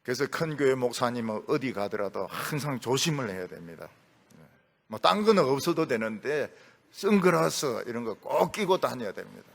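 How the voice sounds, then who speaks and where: A middle-aged pastor preaches a sermon, telling stories with humor and acting out quotes as his voice rises and drops sharply. He speaks at a moderate pace in a medium-pitched voice with big pitch swings and vocal fry.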